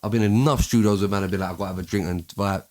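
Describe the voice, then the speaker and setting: A man's voice: lowish voice, fairly even intonation, racing, darkish tone. A man with an urban London roadman accent and slang, chatting casually and giving emphatic opinions as a podcast host. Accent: London, urban street.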